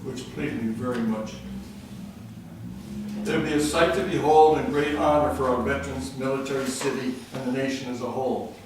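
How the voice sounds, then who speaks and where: A man's voice: medium pitch, fairly even intonation, moderate pace. Earnest older man in echoey chamber. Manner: earnest, patriotic, tells jokes. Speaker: public commenter at city council. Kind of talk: public comment speech. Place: council chamber. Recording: very echoey room, distant mic, faint noise.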